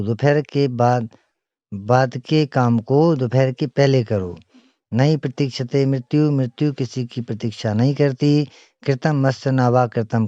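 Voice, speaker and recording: A man's voice: medium pitch, mellow, dry recording, highs cut off. A man teaching a lesson, reciting each verse and then explaining it line by line.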